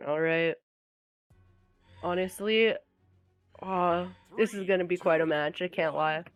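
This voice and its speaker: A woman's voice: lowish voice, steady tone, unhurried, no echo, muffled recording. A woman giving casual esports commentary as a co-caster, cheering on players with short interjections. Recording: music behind the voice.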